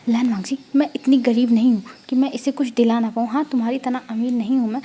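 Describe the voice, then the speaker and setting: High mellow voice, a lady reading as a teasing young woman doctor, cheeky and bold. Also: fairly even intonation, fast talker, husky. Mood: insistent. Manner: playful, teasing.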